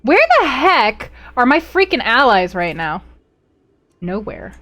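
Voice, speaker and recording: A woman streams a strategy game live, and her voice sits high and swoops widely as she talks. She reads event text aloud in a storytelling way, then breaks into playful outbursts and chats with viewers. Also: very animated, takes it slowly. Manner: playful, exclaims loudly and talks to chat.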